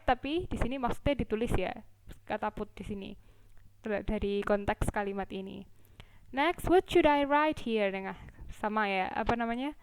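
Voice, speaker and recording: A woman teaching English phrases. She reads each example slowly and a little higher, then explains it in a relaxed, chatty way. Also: smooth. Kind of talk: explaining English expressions in Indonesian.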